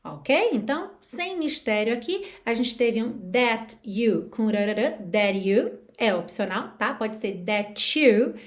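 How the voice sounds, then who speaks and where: A woman with a Brazilian accent teaching English pronunciation through song lyrics. She reads English lines slowly and carefully, and often checks in with her listeners. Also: on the high side, expressive. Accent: Brazilian Portuguese. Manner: checks in with tag questions.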